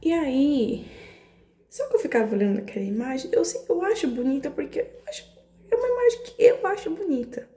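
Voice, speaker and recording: An astrology vlogger with a São Paulo–area Brazilian Portuguese accent shares a personal story, emotional and hesitant, often repeating words. Her voice is high, expressive, brisk and dark-toned, in an echoey room.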